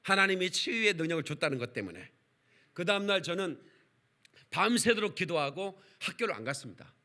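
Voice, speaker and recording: Animated, bright-voiced preaching pastor. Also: male voice, sits high, a little fast. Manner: animated, calls for congregation responses, acts out quotes. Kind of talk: lively revival sermon with storytelling. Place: church service.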